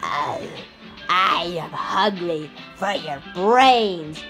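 A man's voice: high-pitched, lively intonation, drawn-out words, sharp tone, faint music behind, exaggerated voice. A man voicing a sullen, demanding little zombie alien toy in an amateur puppet show. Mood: sullen, hungry.

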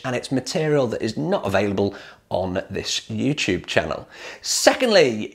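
Man, 40s, lively sales-pitch vlogger, animated delivery, close studio mic. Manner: energetic, upbeat salesman pitch. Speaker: hot tub builder selling plans. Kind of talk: direct-to-camera promo talk.

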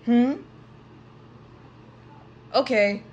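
A woman voicing a small, gentle young cartoon character who talks in a soothing, tender bedtime manner. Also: on the high side, fairly even intonation, drawn-out words, highs cut off, a little hiss or hum. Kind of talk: animated children's show voice acting.

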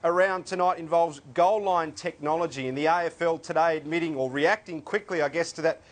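A man with an Australian accent hosting a football show, brisk and lightly joking. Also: fairly high pitch, fairly even intonation. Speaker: sports show host. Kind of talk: casual sports chat.

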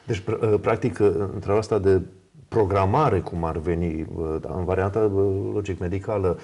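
A man's voice: low voice, fairly even intonation, dark tone. A man, hosting a studio interview in a hesitant way, checking that he has understood. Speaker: TV talk show host. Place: small TV studio, indoors. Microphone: lapel mic.

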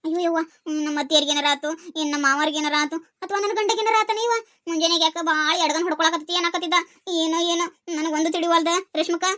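A woman's voice: very high voice, fairly even intonation, pushed and bright. Woman playing a fretful village daughter-in-law, North Karnataka accent. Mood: alarmed. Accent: North Karnataka Kannada. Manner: fast anxious chatter. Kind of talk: village skit acting.

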